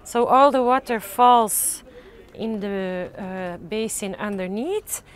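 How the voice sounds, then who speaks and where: Wearing a lapel mic, a woman with a medium-pitched voice guides a casual tour of a rooftop farm garden. Her speech is halting, with lots of "uh" fillers and restarts.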